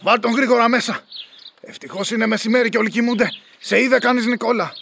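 A man playing a gruff shop boss. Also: very high voice, steady tone, fairly bright tone, a little hiss or hum, exaggerated voice. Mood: urgent.

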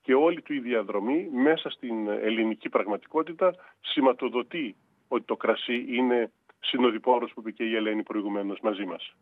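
Male winemaker guest, reflective and halting, phone-line sound, dry. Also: mid-range voice, no room sound. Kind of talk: radio interview.

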